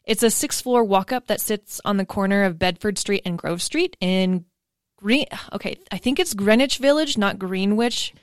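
A woman's voice: medium pitch, normal speed, dry recording, clean studio sound. A woman podcast co-host telling stories in a casual, conversational way.

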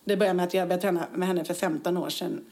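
A woman's voice: fairly low pitch, steady tone, darkish tone. A woman co-hosting a casual chat show, telling anecdotes, acting out quotes and laughing often, tired after a busy week. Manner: chatty storyteller, acts out quotes, laughs often. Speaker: podcast co-host.

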